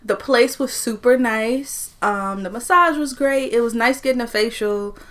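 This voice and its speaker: A woman's voice: on the high side, a little slow, a bit bright. A woman in her twenties co-hosting a podcast, talking casually and informally with plenty of slang. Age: 20s. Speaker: podcast co-host. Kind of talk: casual chat.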